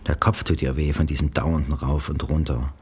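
A man reading a novel aloud in a calm, measured narration. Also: rumbling low, husky. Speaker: audiobook reader. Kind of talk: literary reading.

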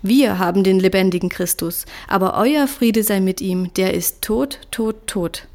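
A woman's voice: mid-range voice, unhurried, darkish tone, close to an everyday voice. Indignant male priest, as a woman reader puts him on, scornful, storybook. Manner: self-assured, scornful. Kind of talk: audiobook character voice.

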